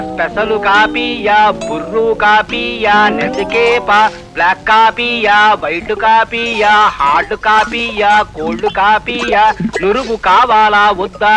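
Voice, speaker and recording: An actor playing a man who tells a silly story and slowly recites long lists of dishes and drinks. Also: high voice, poor audio. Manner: drawn-out listing, slow deliberate recitation. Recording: film soundtrack with music.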